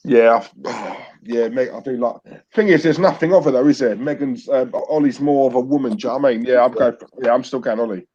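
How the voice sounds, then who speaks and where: A man, co-hosting a casual football watchalong with laddish banter and shout-outs to viewers. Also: medium pitch, a little fast, hardly any pauses. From East London. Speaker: co-host. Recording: dull lo-fi audio.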